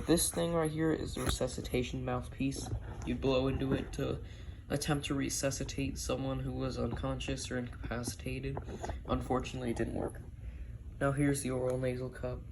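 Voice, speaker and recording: A man's voice: medium pitch, gravelly. A man giving a casual, hands-on product review, a little tentative in how he puts things. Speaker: gas mask reviewer. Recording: noisy amateur video.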